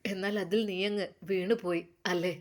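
A woman's voice: medium pitch, fairly even intonation, normal speed, lightly acted. A woman voicing a kindly, motherly older woman who speaks tenderly and comforts a girl.

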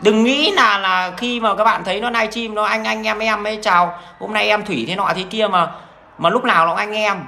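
A man's voice: sits high, steady tone, a little fast, creaky, bright, forceful tone. A man with a Northern Vietnamese accent, talking to his viewers in a blunt, crude, rambling monologue full of restarts. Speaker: vlogger addressing viewers.

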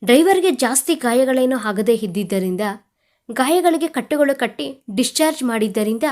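A woman narrating a serialized romantic audio story in an expressive, dramatic way. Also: high-pitched, normal speed.

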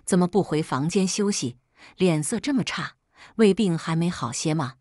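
A woman's voice: fairly low pitch, animated, normal speed, dark tone, no room sound. A woman narrator voicing a cold, aloof young man in a scripted audio story, in a clipped delivery close to her own voice. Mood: gentle.

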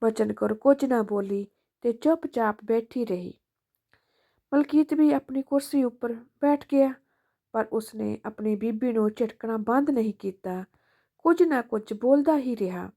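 A woman narrating an emotional family story in a calm, steady way. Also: a little high, unhurried, gravelly.

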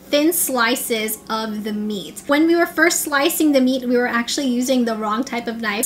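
A young woman with a fairly high, bright voice hosts a cooking tutorial from her home kitchen, upbeat and instructive as she explains each step and calls her viewers "you guys." There's slight background noise.

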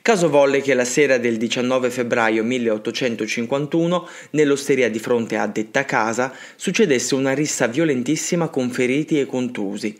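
A man reads a saint's life story aloud as an audiobook narrator. His delivery is steady and measured, at an ordinary middle pitch, telling the tale plainly and evenly.

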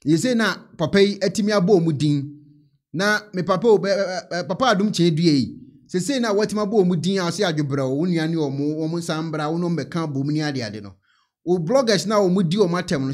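Animated Ghanaian commentator, frequent laughter. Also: male voice, fairly high pitch, a little fast. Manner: laughing, animated, mixes in English. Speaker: reaction host. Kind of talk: casual commentary. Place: small indoor studio. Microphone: mic on a stand.

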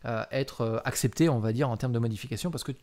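A man's voice: mid-range voice, fast, a little mellow. A man walks the viewer through a coding task on screen in a loose, conversational way. He hesitates often and keeps checking that the viewer is following. His tone stays informal throughout. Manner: casual, informal, many "euh" fillers and "d'accord?" check-ins. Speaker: coding instructor. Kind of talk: screen-recorded coding tutorial.

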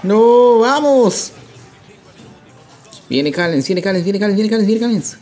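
A man's voice: sits high, expressive, fast, faint music behind. A man streaming a football game live, calling plays like a sports caster and repeating phrases in chant-like bursts. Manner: playful hype shouts.

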